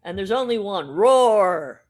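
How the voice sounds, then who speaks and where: A woman co-hosting a podcast, chatting casually with a wry, easygoing humor and the odd swear word. Her voice sits at a middling pitch. She laughs readily between remarks. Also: big pitch swings, normal speed, a bit bright. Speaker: podcast co-host.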